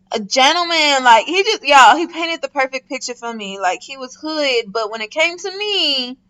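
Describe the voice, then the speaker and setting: A young woman vlogger telling a casual storytime, animated and slangy, swearing often and talking straight to her viewers. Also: high voice. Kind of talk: casual storytime while doing a wig install.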